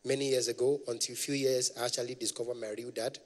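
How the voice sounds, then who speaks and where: A man's voice: medium pitch, level tone, fast talker, long reverb tail. A young adult man with a Nigerian accent, doing stand-up comedy as an event MC, playful and formal with the audience.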